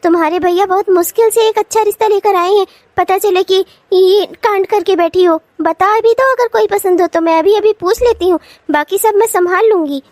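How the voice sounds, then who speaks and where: A woman voicing a teasing young daughter-in-law in a cartoon, who coaxes and gently mocks. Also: extremely high pitch, moderate pace, hardly any pauses, no echo. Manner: gently mocking, coaxing. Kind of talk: cartoon voice acting.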